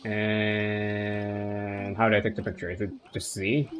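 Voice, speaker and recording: A man's voice: lowish voice, completely flat delivery, slow pace, fairly bright tone, a little hiss or hum. A man doing casual live game commentary as a streamer, rambling and hesitant in an offhand way. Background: plucked guitar game music.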